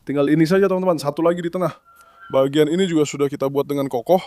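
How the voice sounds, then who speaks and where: Narrating his farm vlog, this man, who breeds dogs and owns the farm, speaks fondly to the animals while repeating commands. He talks at a racing pace in a fairly high voice that stays steady and has a dark tone.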